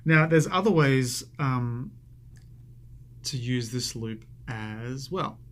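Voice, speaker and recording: A man's voice: mid-range voice, lively intonation, takes it slowly, a little hiss or hum. A man teaching a coding lesson over a screen recording, chatty and self-amused, thinking aloud as he types.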